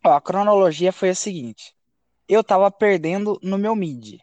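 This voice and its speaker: A man hosting a casual podcast chat, telling stories in an animated, profane way. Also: high voice, moderate pace, no room sound, lo-fi sound. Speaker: podcast host.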